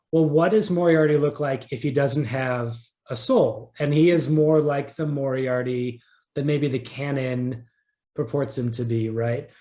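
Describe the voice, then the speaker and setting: In an interview, a writer talks casually and haltingly, often repeating words as he thinks aloud. His voice is a little high with a darkish tone, and the recording has a roomy echo.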